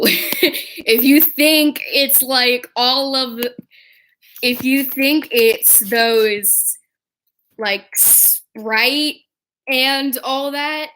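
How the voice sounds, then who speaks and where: A young woman casually telling convention stories to the camera, chatty and excitable, acting out what people said. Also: a little high. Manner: chatty, excitable, acts out quotes in different voices. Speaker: vlogger. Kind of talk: casual storytelling vlog.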